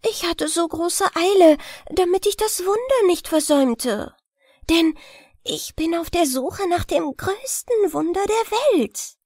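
A woman voicing a small, eager dwarf princess in a storybook, high and sweetly pleading. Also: animated, slow, darkish tone, dry recording, studio quality, exaggerated voice. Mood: apologetic.

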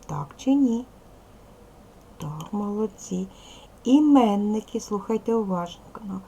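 A woman teacher giving a video lesson to young children, speaking slowly and clearly, asking them questions patiently. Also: mid-range voice, lively intonation, warm tone, poor audio. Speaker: primary school teacher.

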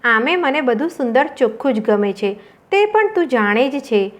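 A woman's voice: high voice, animated, moderate pace. A woman voicing Beauty, a vain and proud female spirit who speaks haughtily. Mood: haughty. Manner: haughty, fussy.

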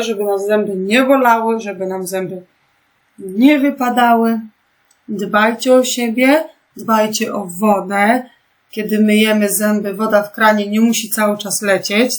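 A woman teaching a remote lesson to young pupils, patient and clear, asking them gentle questions. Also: mid-range voice. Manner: slow, patient, clearly articulated instructions. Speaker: primary school teacher.

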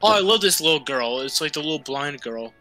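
A man's voice: a little high, expressive, a little fast, bright, forceful tone. A young man co-hosting a let's play, teasing and cracking crude jokes in casual gaming chat.

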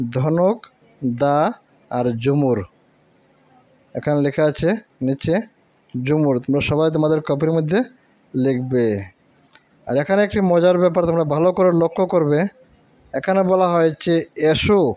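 Male primary teacher, Assamese accent, very slow and drilling, slightly high voice, dry and dull lo-fi recording. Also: warm tone, no echo. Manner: repeats words slowly and drills pronunciation. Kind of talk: slow spoken lesson for children.

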